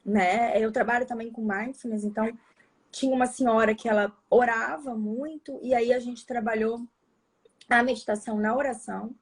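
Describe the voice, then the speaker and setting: Woman, Brazilian accent, slightly high voice, husky, hesitant chat. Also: steady tone, normal speed. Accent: Brazilian Portuguese. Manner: hesitant, frequent restarts and "né?". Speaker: psychologist. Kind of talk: casual conversation.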